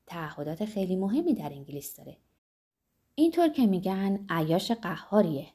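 A woman's voice: mid-range voice, big pitch swings, mellow, slightly rough. A woman reading the lines of a boastful, argumentative male pharmacist in an audiobook, in a self-satisfied, gossiping manner. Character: boastful talkative middle-aged male pharmacist.

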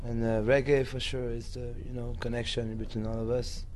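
A singer and guitarist from Reunion Island chats easygoingly in a casual interview, saying "you know" a lot. His mid-range voice is flat and at normal speed, with a little hiss or hum and loud music behind him.

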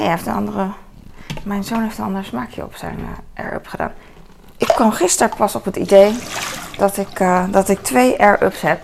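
A woman chatting casually in a rambling way while she tidies her kitchen. She fills her talk with pauses and restarts and drops in English phrases. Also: mid-range voice, creaky, noisy background. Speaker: vlogger. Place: home kitchen. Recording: kitchen clatter of dishes and cutlery.

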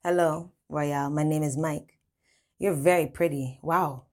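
A woman voicing a flirty, wealthy male gambler who jokes and flatters. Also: sits low, unhurried. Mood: flirting. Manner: jokey, flattering.

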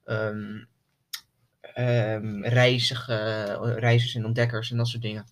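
A man's voice: lowish voice, level tone, measured pace. A young man in a loose, slangy casual chat as podcast co-host, often repeating himself.

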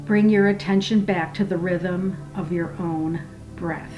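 Slow, soft, hushed woman guiding meditation. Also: on the low side, fairly even intonation, highs cut off, music in the background. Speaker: guided meditation leader. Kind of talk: slow guided meditation and prayer.

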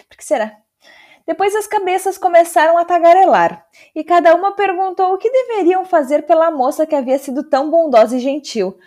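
A Brazilian woman podcast host reading a story aloud and breaking off for expressive, dramatic commentary. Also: very high-pitched, normal speed. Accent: Brazilian Portuguese.

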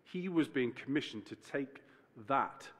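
A man's voice: mid-range voice, expressive, a little slow, a bit bright. A man preaching a sermon in church, talking in a conversational way, explaining scripture plainly and correcting himself as he goes. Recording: reverberant church hall.

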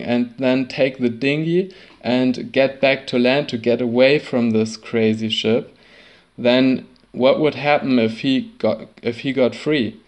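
A man recounts a personal story at an unhurried pace. His voice stays fairly flat, and he often stumbles, restarts and repeats words as he searches for what to say. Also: mid-range voice. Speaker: sailor recounting a trip.

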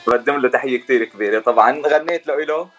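A man's voice: mid-range voice, very fast, a bit bright, muffled recording, faint music behind. A young man with a Jordanian Arabic accent, speaking casually as a singer interviewed on a show. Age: young adult. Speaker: guest singer and musician.

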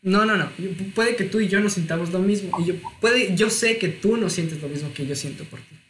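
A man, telling a personal story in casual chat, lively and self-mocking. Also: high voice, fairly quick, a little hiss or hum. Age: 20s.

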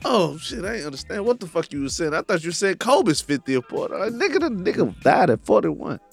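A man co-hosting a podcast in relaxed, profane chat, laughing often. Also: high voice, a little fast, gravelly, breathy edge, soft background music. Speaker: podcast host.

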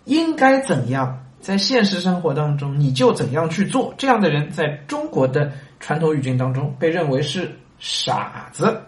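Man, storytelling lesson with commentary, rhetorical questions, fairly high voice, very animated pitch, roomy echo. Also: moderate pace, hardly any pauses. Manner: conversational, asks listeners rhetorical questions. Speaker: reader and commentator on a classic story.

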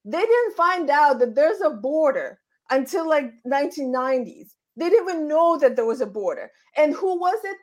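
A woman's voice: high-pitched, sing-song, moderate pace, hardly any pauses. A woman from Belarus debating politics in a heated, insistent way, repeating phrases for emphasis. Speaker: panelist.

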